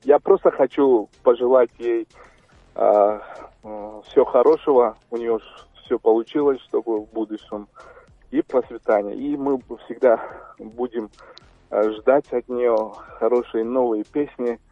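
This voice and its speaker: A man's voice: mid-range voice, steady tone, measured pace, no room sound. A man calling in to a radio show while driving, speaking politely and a little hesitantly. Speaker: caller. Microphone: phone. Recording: dull phone-line call.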